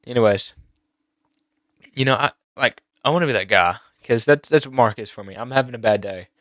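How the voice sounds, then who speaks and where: A teenage boy talking on his own channel, emotional and halting, near tears at times. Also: mid-range voice, fairly bright tone. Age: teens. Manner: emotional, halting with many fillers and restarts. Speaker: YouTuber. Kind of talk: personal vlog talk.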